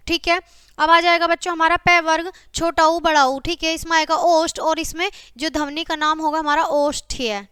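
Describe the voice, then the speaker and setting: A woman's voice: extremely high pitch, sharp tone, dry recording, studio quality. A woman teacher giving a grammar lesson to children, constantly saying "okay" and listing example words one by one. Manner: repeats "ठीक है" and addresses "बच्चों" constantly. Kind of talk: classroom grammar lecture.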